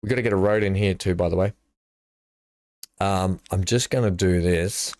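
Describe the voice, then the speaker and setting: Placing pieces in a building game, a streamer muses aloud in relaxed live commentary, half-mumbling his decisions. The studio-quality recording has no room sound, and his voice sits low at a moderate pace.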